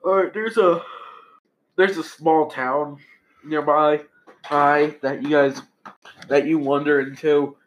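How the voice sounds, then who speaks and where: A man improvising casually as game master of a tabletop game, halting and jokey as he narrates. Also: fairly high pitch, steady tone, dull audio, slight background noise.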